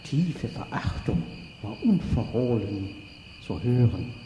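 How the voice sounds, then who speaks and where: A man reading a children's story aloud as narrator, in an expressive way. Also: medium pitch, slow pace. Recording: echoey room with long reverb, faint noise.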